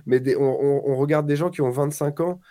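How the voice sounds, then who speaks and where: On a relaxed podcast, a guest in his forties spins energetic stories, acting out the quotes as an animated storyteller. His pitch runs somewhat high and his delivery is fairly quick.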